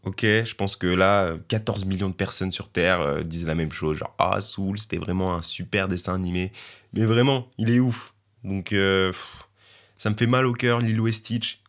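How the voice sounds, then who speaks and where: Young male podcast host, low-ish voice, loose rambling chat full of fillers. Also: fairly bright tone. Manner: chatty, rambling, many fillers and restarts. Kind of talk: casual solo podcast monologue.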